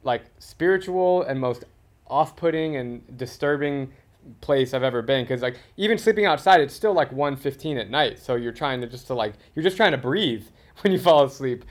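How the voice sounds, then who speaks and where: A man's voice: medium pitch, animated, moderate pace. A man hosting a podcast, talking about travel in an eager, emphatic way and steering the conversation. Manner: enthusiastic, emphatic travel talk. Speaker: podcast host. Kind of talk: casual interview conversation.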